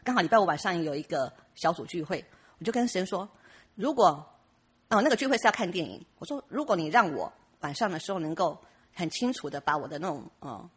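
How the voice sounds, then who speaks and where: A woman tells her church testimony in a chatty, rambling way, often restarting and laughing. She talks quickly, and her voice is husky. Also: on the low side, very animated. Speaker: church member giving a testimony. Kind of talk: personal testimony.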